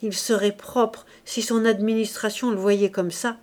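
A woman reading the lines of a middle-aged man who tries to calm everyone and smooth things over. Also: mid-range voice, unhurried, natural voice. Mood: placating. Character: middle-aged man, placating fussy brother-in-law.

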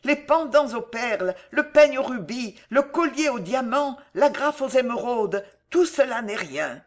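A woman's voice: a little high, lively intonation, measured pace, voice pushed up. Woman doing an icy, mocking queen. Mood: coaxing. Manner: icy and taunting. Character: cold, cruel, mocking queen, older woman.

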